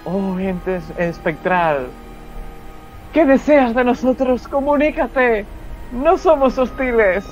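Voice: medium pitch, expressive, slow. Someone doing a hammy stage actor type adventurer, grand and pompous, dull lo-fi sound, music behind. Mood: grand, solemn. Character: hammy theatrical adventurer declaiming grandly to a spirit.

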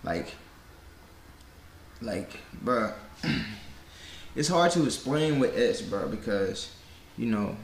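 A man's voice: on the low side, animated, extremely slow, gravelly, long pauses, slight background noise. A man hosting a reaction video, talking casually in slang with many fillers and restarts. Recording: echoey room, faint music behind.

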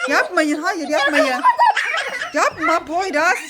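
A woman's voice: extremely high pitch, slow pace, very noisy. A woman narrating a casual family vlog at home as a mother filming her children, playful and exclaiming, often laughing.

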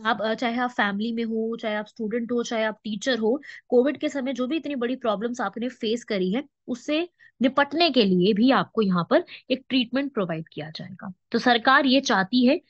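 A woman's voice: fairly high pitch, moderate pace, dry recording. A woman teaching a current affairs lesson for exam students, explaining step by step and asking rhetorical questions. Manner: explanatory, with frequent rhetorical questions and check-ins. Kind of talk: exam-prep lecture. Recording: dull, dry lo-fi.

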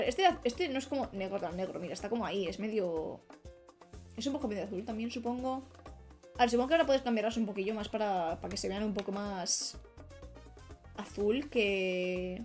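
A woman's voice: mid-range voice, darkish tone. A young woman streamer chatting casually while she draws, rambling and trailing off as she works. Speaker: streamer and illustrator. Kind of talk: casual live-stream chat while drawing. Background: faint background music.

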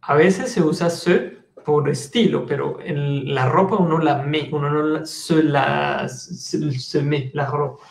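A man with a Colombian accent teaching French in an online class, patiently explaining and slowly modeling the French sounds. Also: on the high side, steady tone, vocal fry, roomy sound.

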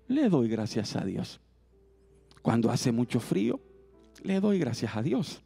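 A preacher voicing a contented humble beggar. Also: male voice, fairly high pitch, vocal fry, warm tone, exaggerated voice.

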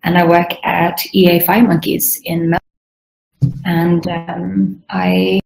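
Woman, young, from Sweden, low gravelly voice, chatty, clears throat, video call. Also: flat delivery, slow, a little mellow, poor audio. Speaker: guest UI designer. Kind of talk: casual online Q&A.

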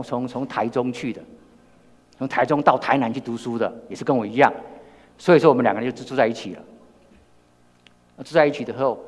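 Older Taiwanese-accented man preaching in a hall. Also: medium pitch. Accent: Taiwanese Mandarin. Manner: storytelling, many repeated words and restarts. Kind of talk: sermon. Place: church hall. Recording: long reverb in a church hall.

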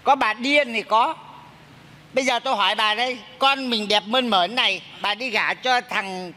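Man with a very high, bright comic voice. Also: moderate pace. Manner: exaggerated theatrical comic delivery. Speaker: comic actor playing a sorcerer. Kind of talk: stage comedy sketch.

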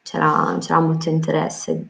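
A woman's voice: sits low, completely flat delivery, normal speed, gravelly, a loud crowd. A woman chatting casually as a guest on a live stream about interior design, hesitant with many fillers and restarts.

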